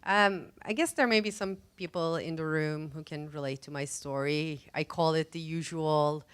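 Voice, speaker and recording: A woman's voice: sits low, steady tone, moderate pace, smooth. A woman in her forties from Turkey, telling her career story on a panel in a chatty way, with many fillers and light laughs, into a handheld mic. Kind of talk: casual personal story at a panel. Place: meetup event room.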